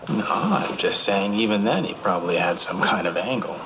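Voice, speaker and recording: A skeptical police officer, low-voiced and dryly sarcastic. He talks against audible background noise in a TV drama mix. His jabs land flat and cool. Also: normal speed.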